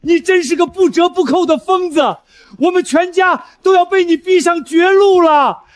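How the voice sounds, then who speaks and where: A man's voice: very high voice, moderate pace, dry recording. A man voicing a desperate elderly father who scolds and pleads with his son. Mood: distraught. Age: older. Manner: shouting, pleading. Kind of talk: drama voice acting.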